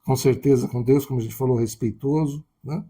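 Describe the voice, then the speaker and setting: A man's voice: mid-range voice, steady tone, a little fast, warm tone, breathy edge. A man with a Brazilian Portuguese accent preaching a sermon in a conversational way, often checking in with tag questions.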